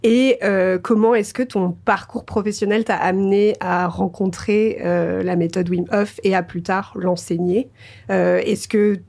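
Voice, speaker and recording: A woman's voice: medium pitch, steady tone, a little slow, gravelly, a little mellow. A woman hosting a podcast interview, reading a scripted intro and then chatting in a friendly way with light laughs. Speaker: podcast host.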